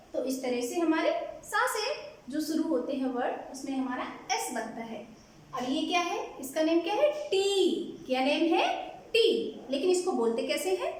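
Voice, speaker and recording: A woman teaches phonics, repeating each letter sound and quizzing her listeners. Her voice is very high and unhurried. The room is strongly echoey. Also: slight background noise. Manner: slow, patient, repeats sounds and asks questions. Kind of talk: phonics lesson.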